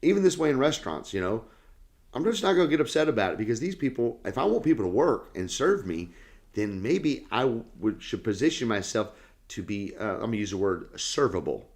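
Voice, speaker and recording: A man's voice: medium pitch, sing-song, a little fast. A man who is a senior pastor, talking earnestly and casually in a devotional chat. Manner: earnest, lesson-drawing talk.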